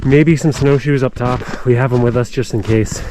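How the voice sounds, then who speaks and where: A man giving casual, halting trail narration as a hiking vlogger, outdoors on a snowy mountain. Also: medium pitch, steady tone. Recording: clearly noisy outdoor recording with clicks.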